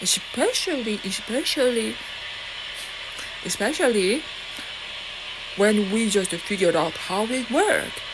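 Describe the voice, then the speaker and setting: Over loud, constant background noise, a Korean-accented woman addresses her viewers defiantly and ramblingly, cursing and restarting often amid many fillers. Her pitch is medium, she speaks slowly, and she pauses frequently.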